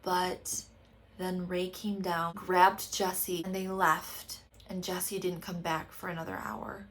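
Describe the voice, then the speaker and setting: A woman's voice: lowish voice, level tone, takes it slowly, a bit bright, a little hiss or hum. Woman podcast host, sarcastic casual recapper who swears and animates the quoted dialogue.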